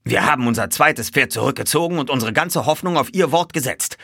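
A man voicing an agitated older colonel who owns racehorses, speaking loudly and excitably in a raised voice. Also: mid-range voice, brisk, creaky, slightly rough, dry recording, studio quality, pitched above the performer's own voice, heavily acted. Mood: indignant. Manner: loud, excitable, indignant. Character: agitated older male horse-owning colonel.

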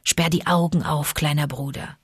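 Wise protective panther, low and hushed, read by a woman; dry close sound. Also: moderate pace, slightly rough, no echo. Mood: confiding. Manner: calm, low and confiding, urgent at times. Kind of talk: audiobook character reading.

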